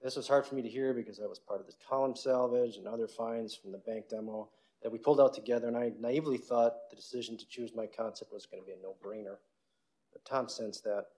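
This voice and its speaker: A man's voice: medium pitch, steady tone, fast, darkish tone, rough recording. A middle-aged man, a city council member, reading a prepared invocation in an earnest way, with small restarts, in a council chamber on a desk mic.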